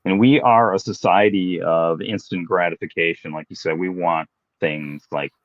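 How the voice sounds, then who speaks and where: Man, late fifties, deep voice, relaxed, self-deprecating, dry muffled recording. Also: normal speed, no room sound. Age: 50s. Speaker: guest, fitness professional. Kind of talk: casual interview storytelling.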